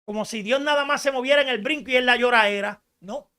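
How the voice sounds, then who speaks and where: A woman preaching a radio sermon in an emphatic style, rising to shouts and asking rhetorical questions. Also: on the high side, fast.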